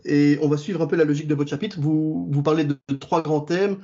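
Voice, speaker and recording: Male interviewer, polite with fillers, mellow voice, dull lo-fi recording. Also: a little high, fairly even intonation, brisk. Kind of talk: interview questions.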